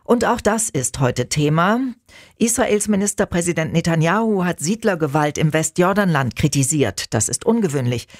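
A woman reading a radio news bulletin in a calm, measured, formal way from a studio. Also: sits low, no room sound. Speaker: newsreader. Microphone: studio microphone.

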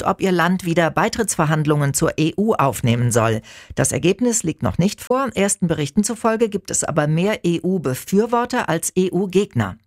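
A woman reading a radio news bulletin in a calm, measured, formal way from a studio. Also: lowish voice, no echo. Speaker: newsreader. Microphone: studio microphone.

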